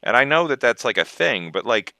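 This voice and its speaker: A man co-hosting a casual gaming podcast, rambling and animated as he chats. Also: mid-range voice, brisk, no room sound. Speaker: podcast co-host.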